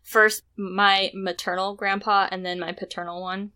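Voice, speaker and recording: A woman co-hosting a podcast, reading a story aloud in a steady storytelling way between casual chat. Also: mid-range voice, normal speed. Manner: steady storytelling read with light laughs. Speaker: podcast co-host.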